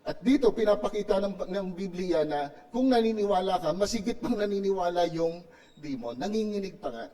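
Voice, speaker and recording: A Filipino-accented male pastor delivers a sermon in a church, his voice mellow and somewhat high for a man. He is heard from a distance, off the mic, and keeps checking in with the congregation by tagging "no?" onto his phrases. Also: lively intonation, brisk. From Philippines. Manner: preaching in Tagalog mixed with English, frequent tag "no?". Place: church sanctuary.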